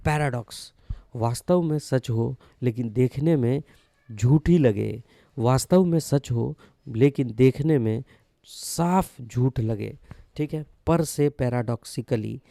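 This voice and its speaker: A man's voice: medium pitch, slow, gravelly, mellow, no echo, clean studio sound. A man teaching English vocabulary, spelling each word letter by letter and repeating its meaning. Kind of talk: vocabulary lesson.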